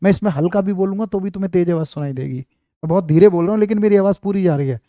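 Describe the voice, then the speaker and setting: A man teaching Hindi grammar in an online class, slowly repeating example sentences and speaking into a clip-on mic. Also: high voice, warm tone, no echo, muffled recording.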